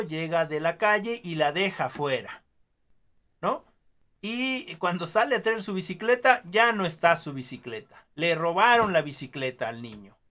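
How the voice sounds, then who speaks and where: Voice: medium pitch, fairly bright tone. Hesitant teacher giving an online class. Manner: hesitant, many filler sounds and tag questions; explains through examples and stories.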